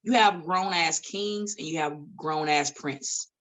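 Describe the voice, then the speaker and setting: A woman in her late thirties, an independent wrestler, guests on a podcast at a studio table, speaking slowly in a low, slightly bright voice. She chats casually but bluntly, swearing heavily and adding preachy asides.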